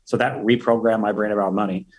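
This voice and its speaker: A man speaking as a podcast guest in a casual interview, energetic and profane, full of hype. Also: fairly low pitch, quick pace.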